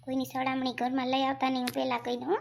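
In a village comedy sketch, a woman plays a scolding, quick-tempered wife, nagging with rapid, angry complaints. Her voice is high with a gravelly edge and a monotone delivery, and a slight hiss or hum sits in the recording.

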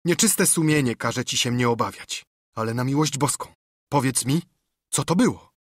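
A man voicing an honest, stubborn sailor with a raspy, trembling voice who speaks earnestly and indignantly. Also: medium pitch, moderate pace, no room sound, studio quality, natural voice. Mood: frightened.

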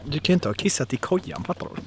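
A man's voice: fairly high pitch, animated, noisy background. A man in his twenties, a YouTuber joking and laughing as he vlogs outdoors at a farm with animals. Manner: joking, playful, laughs often. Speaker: YouTuber filming with his nephew. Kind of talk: casual vlog chat.

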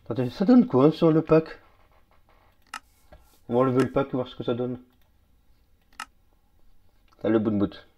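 A man of medium pitch speaks at a moderate pace, leaving long pauses, and the audio sounds dull. He's live-streaming a game, casually chatting with players and viewers in a relaxed, easygoing way.

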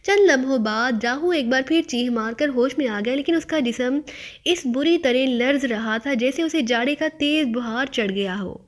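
A woman narrating a thriller audiobook with steady, vivid storytelling. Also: high voice.

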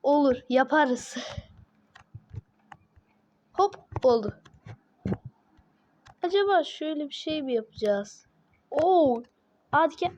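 A woman commentating her own gameplay in a let's play video, exclaiming at each move and venting her frustration out loud. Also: high-pitched, lively intonation, takes it slowly, pauses often. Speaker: gaming video host.

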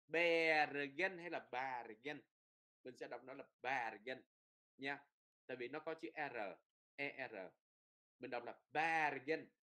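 A man's voice: on the high side, sharp tone. A man teaching a pronunciation lesson, explaining rules and repeating drill words with frequent tag words. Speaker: Norwegian language teacher.

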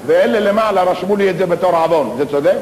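A man spins comic tales on a theater stage, animated and full of slangy asides. His voice sits fairly high. The live recording carries a long, echoing hall reverb and faint background noise. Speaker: stage comedian. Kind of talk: theatrical comic storytelling monologue.

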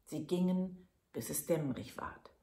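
A woman storyteller reads a fairy tale in a calm, measured way. She takes her time, and a gravelly fry sits in her lowish voice. The reading echoes in the room.

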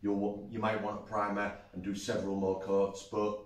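Building furniture in a large indoor workshop, a woodworking channel host talks casually through his work, explaining each step with self-mocking humor. His voice is lowish with little pitch movement and normal speed; the workshop adds a roomy echo and faint noise.

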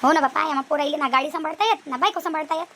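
A fretful old village mother-in-law in a cartoon, griping and suspicious. Her voice sits high and the words tumble out at a breakneck clip. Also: sharp tone. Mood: grumbling. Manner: complaining, suspicious, rapid chatter. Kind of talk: cartoon voice acting.

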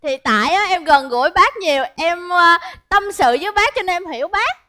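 A cheeky know-it-all young helper. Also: female voice, extremely high pitch, animated, moderate pace, sharp tone, heavily acted. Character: cheeky young woman helper caring for the mother. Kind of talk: stage comedy sketch.

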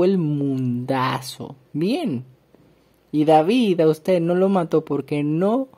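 A man reads a psalm aloud, then comments on it in an emphatic manner with animated asides, repeating words for stress. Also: fairly high pitch. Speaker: Bible reader and preacher. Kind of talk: scripture reading with sermon commentary.

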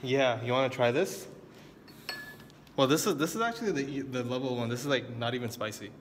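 A man's voice: mid-range voice, a little fast. A young man vlogging around a campus, chatting and laughing, recorded on a handheld camera. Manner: chatty, laughs often, tour-guide commentary. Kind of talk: casual vlog chat. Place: around a university campus, indoors and outdoors. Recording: roomy reverb with some background noise.

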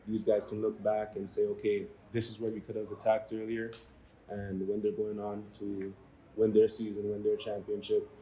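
A young football player speaks at a post-game press conference in a low, mellow voice with little rise and fall. He answers reflectively, pausing on ums. A faint hiss sits under the close mic. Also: low-quality recording. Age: young adult. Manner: measured, reflective, with frequent ums. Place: small room before a maroon backdrop.

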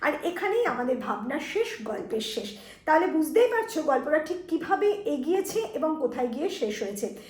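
A woman's voice: high voice, very animated, normal speed, darkish tone. A woman teacher talking students through an exam revision lesson, explaining step by step and speaking to them directly. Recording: echoey room.

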